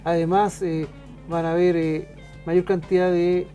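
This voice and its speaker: A middle-aged man with a Chilean accent, a teacher chatting on a talk show, thoughtful and pausing often. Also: sits high, level tone, warm tone, faint music behind. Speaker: show host and school teacher. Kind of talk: casual conversation on a talk show.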